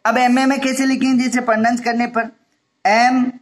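A man's voice: extremely high pitch, flat delivery, fast talker. A male teacher giving a grammar lesson, explaining step by step and answering his own questions.

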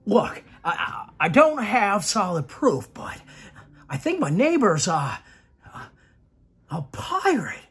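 A man's voice: high voice, sing-song, takes it slowly, fairly bright tone, husky, heavily acted. An actor playing a jittery, paranoid man who stammers frantically while spying on his neighbor, in a comedy sketch. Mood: hesitant.

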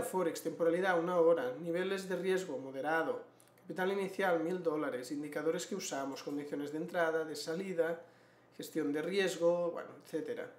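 A man, walking through a screen-share tutorial and clearing his throat often. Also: high voice. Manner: explanatory, frequent throat clearing. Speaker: trading educator. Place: small room indoors. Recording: roomy echo.

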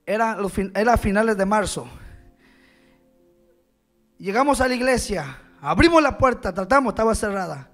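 High-voiced man preaching a story sermon. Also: expressive, moderate pace, pauses often, fairly bright tone, soft background music. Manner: storytelling preacher, acts out dialogue with call-outs to the congregation. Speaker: pastor. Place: church.

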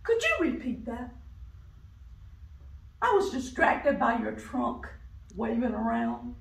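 A woman voicing an eager, naive little male duck who speaks in a high, hopeful way. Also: big pitch swings, slow pace, creaky, exaggerated voice. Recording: roomy, from a distance.

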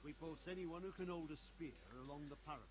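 An actor playing a gruff, practical soldier in a story game. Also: male voice, on the high side, quick pace, close to an everyday voice. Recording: game audio over loud music.

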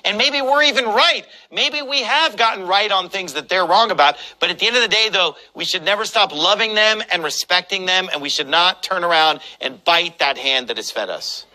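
A man's voice: sits high, animated, moderate pace, few pauses, pushed and bright, rough recording. A man pastor preaching a sermon in a combative, mocking, emphatic way.

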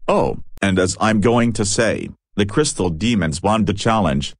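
A man's voice: lowish voice, animated, a little slow, slightly rough, no echo, clean studio sound. A man hosting and narrating a homemade cartoon elimination show in a plain, announcing manner. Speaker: host and narrator.

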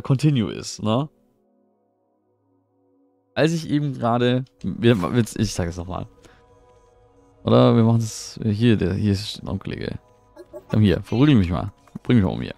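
Gravelly and a little mellow, this medium-pitched male voice belongs to a middle-aged man casually streaming a game from his house. He wanders from topic to topic, replies to chat, and frequently seems confused, with game music faintly audible.

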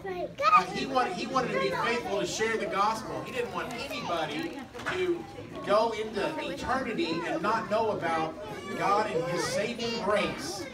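A woman's voice: mid-range voice, sing-song, measured pace, a loud crowd. A woman playing a jumpy jungle explorer leader in a church kids' skit, with a flustered, defensive way of talking. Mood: earnest. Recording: echoey hall, far mic, loud kid audience.

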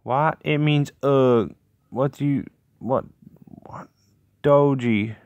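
Male gameplay host, clear and very slow-paced, casual, reactive, repetitive phrasing. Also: mid-range voice, no room sound, muffled recording. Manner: excitable, repeats short phrases. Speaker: gaming video host.

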